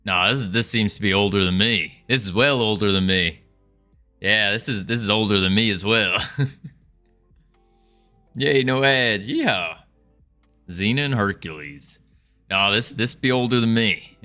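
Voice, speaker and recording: With faint music in the background, a young livestreamer chats casually with his audience in a put-on American Southern accent, tossing out playful cowboy-style lines. His pitch is fairly low and his pace a little slow, broken by long pauses. The tone is pushed and bright.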